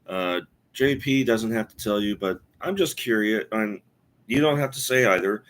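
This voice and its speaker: Rambling, halting man in his forties. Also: on the low side. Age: 40s. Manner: rambling, halting with many fillers and restarts. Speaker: streamer host. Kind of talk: casual live-stream chat.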